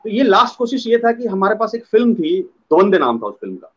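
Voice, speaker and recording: A man, an actor, telling animated stories in a casual interview and slipping into imitations of others. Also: high-pitched, a little fast, dull audio. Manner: lively, slips into imitating others.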